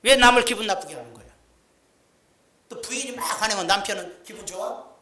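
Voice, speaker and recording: Preaching in an echoey church sanctuary, a middle-aged male pastor uses a high, sharp, fairly quick voice. His sermon is folksy and humorous, full of little acted-out scenes from daily life.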